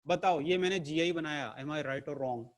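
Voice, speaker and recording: A man's voice: a little high, measured pace. A man teaching an online chemistry lesson to camera in a playful, theatrical way, teasing his class. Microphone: camera mic.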